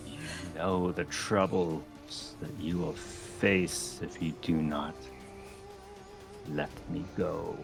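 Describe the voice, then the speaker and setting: A man playing a haughty captured lord in a tabletop game, defiant and indignant, with a low voice that comes out in slow, measured words. Faint music plays behind him. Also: steady tone, vocal fry, exaggerated voice. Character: defiant captured male noble villain.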